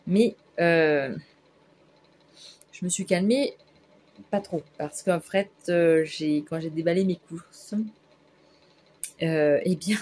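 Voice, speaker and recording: A woman's voice: mid-range voice, dark tone, a little hiss or hum. A woman vlogging at home in the evening, chatty and rambling with fillers. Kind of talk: casual vlog.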